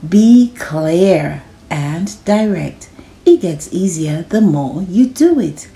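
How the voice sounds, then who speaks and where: This woman hosts a children's read-aloud in a lowish voice at a slow pace. She's animated and encouraging, speaking directly to the young audience and checking in with small questions.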